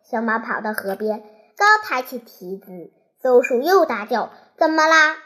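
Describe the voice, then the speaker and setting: A child storyteller reading a children's tale in a slow, halting way, with restarts. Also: mid-range voice, big pitch swings, a bit bright.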